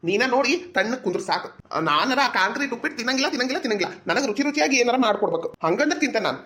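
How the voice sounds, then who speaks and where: A woman with a North Karnataka Kannada accent acting in a village comedy sketch, grumbling and complaining with rapid-fire retorts. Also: fairly high pitch, lively intonation, fairly bright tone, slight background noise.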